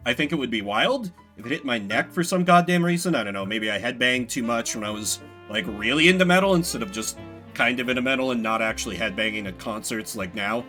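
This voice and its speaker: A man's voice: medium pitch, animated, a little fast, bright, forceful tone, faint music behind. A man with a slightly gunky throat, making casual, jokey asides as he plays and voices a game. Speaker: game streamer voicing the characters. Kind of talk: casual playthrough chat and reading.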